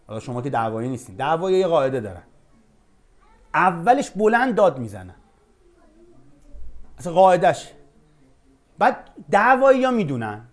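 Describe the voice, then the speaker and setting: Man giving a casual Quran lesson. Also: high voice. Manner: conversational, recites Arabic verses slowly. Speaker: Quran class teacher. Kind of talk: informal religious lesson.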